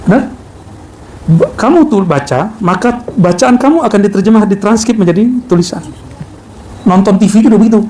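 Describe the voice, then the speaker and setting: A man's voice: high voice, animated, moderate pace, noisy background. A man giving a religious lecture to a live audience, mixing jokes with recited Arabic verses. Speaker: religious teacher.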